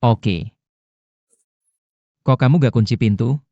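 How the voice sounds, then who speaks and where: An actor dubbing a cocky, vain young rich boss in a drama series, talking in a smug, teasing way. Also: male voice, mid-range voice, takes it slowly, mellow, no room sound, muffled recording. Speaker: dub actor. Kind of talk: Indonesian dub of a drama series.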